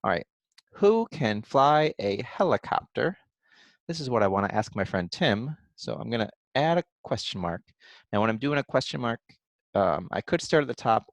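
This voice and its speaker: A man models writing for young children, stretching out sounds and syllables as he goes. His voice has a gravelly edge and rises and falls a lot. The sound is dry and close. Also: on the low side, no echo. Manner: slow, sounds out letters and syllables aloud; thinks aloud in a gentle encouraging way. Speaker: kindergarten teacher.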